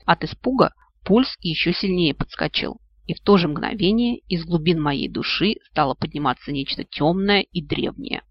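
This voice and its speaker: An audiobook reader narrates a first-person fantasy story with lively delivery, lifting the voice for exclamations. The recording sounds muffled and dull, with no room echo at all. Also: mid-range voice, normal speed, few pauses. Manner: lively, exclaims in the heroine's quoted lines.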